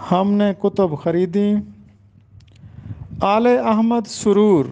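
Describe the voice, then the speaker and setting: A man with a Pakistani Urdu accent gives a pronunciation lesson and spells names out with care. His voice sits high and comes across smooth and resonant. The recording is dull and lo-fi. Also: dark tone. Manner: measured, careful spelling out of names. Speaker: Urdu teacher.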